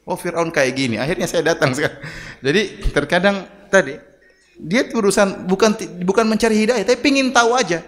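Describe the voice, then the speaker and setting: Seorang pria berkhotbah dengan gaya bercerita, sering melempar pertanyaan retoris dan memerankan dialog. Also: male voice, high voice, a little fast, a bit bright. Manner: storytelling with rhetorical questions, acting out quoted dialogue. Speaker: preacher. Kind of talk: sermon. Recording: long hall reverb.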